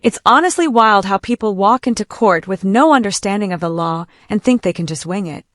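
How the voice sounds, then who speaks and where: A woman's voice: mid-range voice, lively intonation, a little fast, fairly bright tone, no room sound, clean studio sound. A woman hosting with scripted opinion commentary in a mocking, incredulous manner. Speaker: commentary host.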